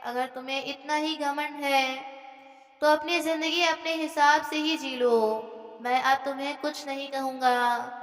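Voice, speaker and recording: A hurt, stern older father in an audio story, as a woman narrator puts him on, bitter and resigned. High, even voice, with a long hall echo. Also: unhurried. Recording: echoey hall with faint music.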